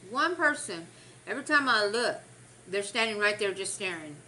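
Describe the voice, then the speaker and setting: Female mukbang vlogger, bright edgy tone, chatty casual talk while eating, some background noise. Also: mid-range voice, animated, moderate pace.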